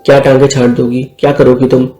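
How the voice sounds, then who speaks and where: A man's voice: medium pitch, flat delivery, fast talker, warm tone, natural voice. A man voicing a sulky teenage boy who whines and defends himself, in an echoey room with faint music. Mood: whiny. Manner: whining, defensive. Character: whiny teenage boy, sulky younger brother.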